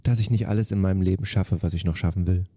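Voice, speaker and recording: A man's voice: low-pitched, fairly even intonation, quick pace, warm tone, slightly rough, no room sound, studio quality. A man, a dance teacher from Germany, giving short, matter-of-fact answers in an interview. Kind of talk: quick-fire interview answers.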